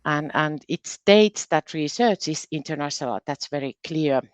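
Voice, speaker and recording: A Finnish woman whose first language is Finnish, and whose accent shows it, delivers a careful, halting conference talk as a university research specialist, often repeating her words. Her voice sits low with lively intonation, and the recording has no room sound.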